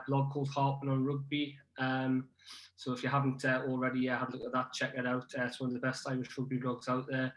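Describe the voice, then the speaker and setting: A young man with a medium-pitched, slightly bright voice chats about rugby as a guest on a podcast. He's hesitant, with lots of ums and restarts in the casual conversation. The room sounds echoey.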